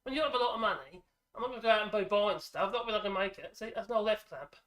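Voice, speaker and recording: Stuffy with a head cold, a middle-aged man hosts a casual woodworking vlog in a very fast, high-pitched, fairly bright voice. He rambles and makes fun of himself while recording in his home workshop on a microphone clamped to the ceiling.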